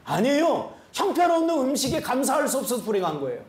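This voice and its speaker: A male pastor giving an animated sermon full of rhetorical questions to his congregation. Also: extremely high pitch, fast talker, echoey room. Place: church sanctuary.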